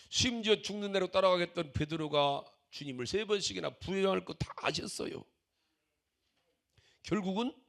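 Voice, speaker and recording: A man's voice: high voice, vocal fry, a bit bright. An older man preaching a sermon as pastor, emphatic, with many repeated rhetorical questions.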